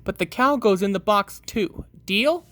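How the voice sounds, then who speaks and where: A woman's voice: mid-range voice, unhurried, a bit bright, natural voice. A woman voicing an exasperated mother who scolds her son about his toys. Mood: bargaining. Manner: stern, scolding, raised voice.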